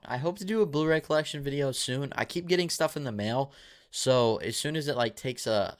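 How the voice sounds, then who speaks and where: Man, 20s, live-stream host, casual rambling talk, mid-pitched voice, dry mouth. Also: a bit bright. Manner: casual, rambling, with fillers and restarts. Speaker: movie channel host. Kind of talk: live-stream Q&A, reading and answering viewer questions.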